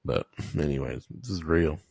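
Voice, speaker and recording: A man's voice: extremely low pitch, normal speed, creaky, darkish tone, breathy edge, no room sound, studio quality. A man in his forties chatting casually as a podcast guest, slangy and laughing often as he tells stories. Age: 40s. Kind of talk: casual storytelling chat.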